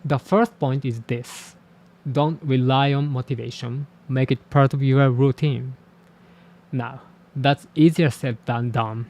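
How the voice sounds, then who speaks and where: In a reflective piece to camera on language learning, a man speaks with a medium-pitched, slightly mellow voice. Japanese is his first language; he works as a language teacher and runs a channel, and he comes across as candid, self-deprecating and measured.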